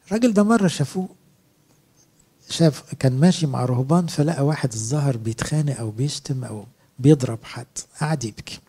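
A middle-aged priest with an Egyptian Arabic accent preaches earnestly, asking his listeners rhetorical questions. His medium-pitched voice is dark and slightly rough, and he talks fast.

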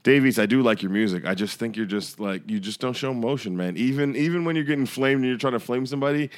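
A man hosting a podcast, chatting casually and animated, laughing and opinionated. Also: medium pitch, quick pace. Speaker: podcast host. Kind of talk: casual chat.

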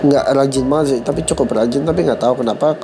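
Over music, a young man with a Jakarta slang accent and a cold-clogged nose talks fast in a mid-range voice. He's hosting a casual solo podcast, joking at his own expense and laughing at his own jokes.

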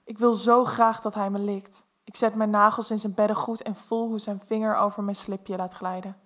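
Softly narrating woman, flat delivery. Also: mid-range voice, normal speed. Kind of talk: reading an erotic story aloud.

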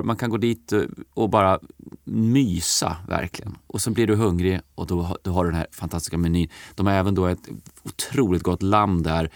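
A man's voice: deep voice, no echo, studio quality. A man co-hosting a podcast, chatting with enthusiasm and plenty of hesitant fillers. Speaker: podcast co-host. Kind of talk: casual chat.

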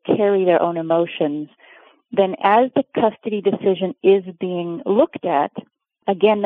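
A woman's voice: on the low side, no room sound. A middle-aged woman from Oregon talks earnestly over a thin, phone-like line, explaining her work with repeated restarts. The sound is dry and boxy. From Oregon, USA. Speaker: guest, pet custody mediator. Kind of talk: conversational interview answers. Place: home in Cape Town, remote call.

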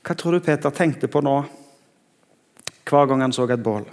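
A middle-aged man preaching a sermon in a conversational way, often pausing to search for words. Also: medium pitch. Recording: long hall reverb.

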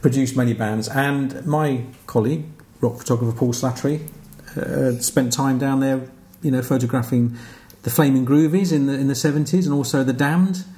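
A man's voice: mid-range voice, fairly even intonation, normal speed, hardly any pauses, mellow. A man hosting a radio music show, chatting casually between records, chuckling and stumbling over names.

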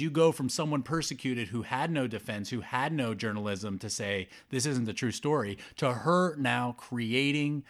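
A man hosting a podcast, reading a scripted introduction of his guest in an earnest, steady way. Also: mid-range voice. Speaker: podcast host. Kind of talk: scripted narration.

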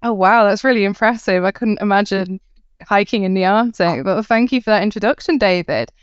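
A woman's voice: medium pitch, fairly quick, smooth, no echo, dull audio. A woman hosting a podcast, reading the intro and handing over to guests in a friendly way. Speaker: podcast host.

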